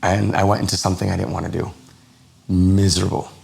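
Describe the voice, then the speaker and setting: An American lifestyle coach appearing as a podcast guest tells personal stories in a low, gravelly voice heavy with vocal fry. His rapid-fire, unscripted delivery is relaxed and conversational yet animated, and he slips into the voices of people in his anecdotes, acting out their dialogue, as casual interview storytelling.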